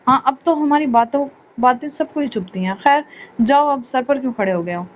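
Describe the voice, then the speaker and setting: A woman reading an audio novel, voicing a sharp-tongued sister-in-law who scolds a young man. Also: high-pitched, normal speed, slight background noise, lightly acted. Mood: scolding.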